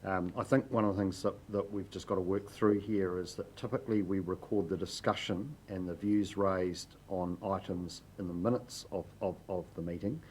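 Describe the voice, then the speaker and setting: A man replies in a council meeting with a very deep, flat voice. He is measured and hesitant, full of fillers, and a low rumble sits under him. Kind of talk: procedural reply.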